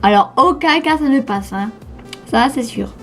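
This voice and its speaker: A teenage girl with a slushy lisp on her s sounds, talking casually and haltingly as she answers questions in a vlog. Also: a little high, animated, faint music behind. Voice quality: slushy lisp from new dental brace. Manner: hesitant, stumbling over words. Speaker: YouTube gamer answering viewer questions.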